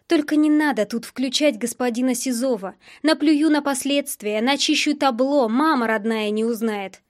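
A woman's voice: sits high, moderate pace, close to an everyday voice. A woman reading the lines of a blunt, hot-tempered young man in an audiobook, with heated, emphatic bursts. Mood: menacing.

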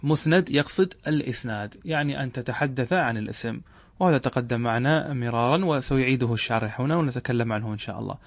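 A man's voice: medium pitch, no room sound. A middle-aged man teaching classical Arabic grammar, explaining step by step and repeating key points. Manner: measured, repeats key points, asks rhetorical questions. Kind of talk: classroom lesson explaining a text.

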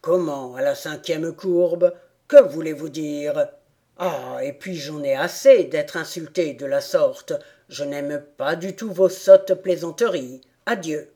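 A woman voicing an easily offended male rat in a storybook, speaking lower and louder in indignation. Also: slow, hardly any pauses, heavily acted. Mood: indignant. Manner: indignant, lower and louder than her narration.

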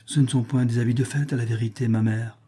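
A man's voice: mid-range voice, fairly even intonation, fast talker, warm tone, lightly acted. A man reading the part of a solemn, secretive young nobleman who speaks with restrained resolve. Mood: grave. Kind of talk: audiobook character voice.

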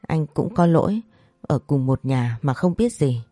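A woman's voice: deep voice, expressive, unhurried, dark tone, dry recording, studio quality. A woman voicing a grown man, an elder brother-in-law who speaks steadily and reassuringly while holding back grief. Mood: calm.

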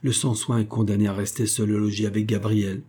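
A man narrating a classic children's story in a measured, expressive storytelling manner. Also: fairly low pitch, breathy edge.

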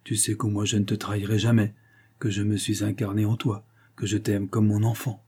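A man reading the silent thoughts of an old, blind, mute male mentor in an audiobook, in a soft, indulgent way. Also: fairly low pitch, flat delivery, brisk, slightly rough.

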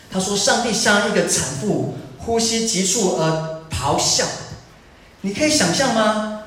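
A male pastor preaching a sermon, earnest and questioning, moving between calm talk and emphatic passages. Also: sits high, a little hiss or hum. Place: church sanctuary. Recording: echoey church hall, distant mic.

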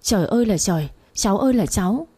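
A woman voicing a sharp-tongued elderly mother-in-law who scolds harshly, in a storybook reading. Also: medium pitch, animated, quick pace, breathy edge. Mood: angry. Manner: accusing, harsh.

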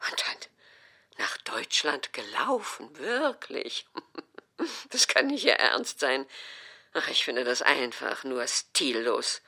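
An obstinate older mother with a tense, bright edge to her voice, as a woman reader puts her on. She talks in scornful, cutting jabs and never backs down. Read for an audiobook. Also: very deep voice, animated, slow pace, pitched below the performer's own voice, exaggerated voice. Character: stubborn sharp-tongued older mother. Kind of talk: audiobook reading.

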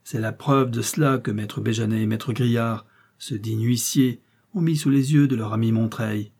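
A man voicing a rough, defiant male master criminal with a coarse, jeering way of talking, in an audiobook reading. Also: mid-range voice, fairly even intonation, normal speed, darkish tone, lightly acted. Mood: taunting. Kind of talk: audiobook character voice.

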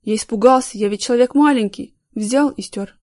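A woman's voice: a little high, brisk, natural voice. Woman voicing a cocky, defiant young man. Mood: confessing. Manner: unruffled, then shouting back.

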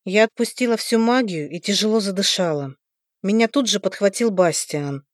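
A woman narrating a first-person fantasy audiobook in an even, expressive storytelling manner on a close mic. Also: medium pitch, normal speed, no echo.

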